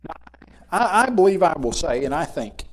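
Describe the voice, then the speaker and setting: A man teaching a Bible lesson in a conversational way, slowing down to stress key words. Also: fairly high pitch, very animated.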